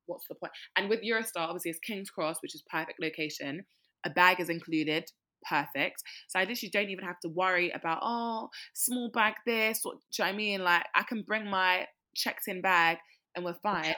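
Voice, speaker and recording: A woman's voice: fairly low pitch, a little fast, pushed and bright. A British woman hosting a casual podcast, chatting in a slangy, emphatic way. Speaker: podcast host. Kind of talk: casual chat.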